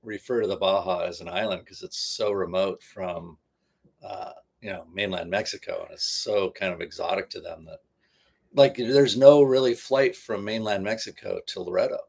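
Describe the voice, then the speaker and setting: A man's voice: low voice, moderate pace, creaky, a little mellow, husky. A man co-hosting a casual live stream in a laid-back way, explaining how the boat's systems work. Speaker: boat vlog co-host. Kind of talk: casual livestream chat.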